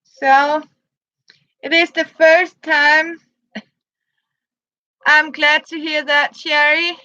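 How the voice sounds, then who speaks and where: A Danish woman in her fifties, a non-native English speaker, chatting on a live crafting stream in halting, simple English and greeting viewers by name. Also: high voice, level tone, sharp tone, no room sound, highs cut off. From Denmark. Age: 50s. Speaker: livestream crafter.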